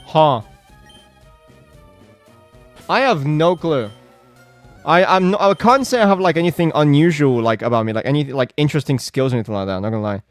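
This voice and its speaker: Guy streaming a game, kinda high voice, rambles a lot, reads chat out loud. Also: animated, brisk, long pauses, dry recording, soft background music. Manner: rambling, filler-heavy, reads chat aloud and reacts. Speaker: gaming live streamer. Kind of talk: casual live-stream chat while playing.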